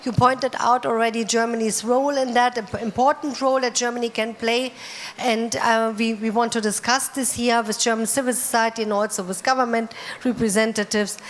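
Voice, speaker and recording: Woman moderating a panel, kinda high voice, earnest and emphatic. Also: fairly even intonation, fairly quick.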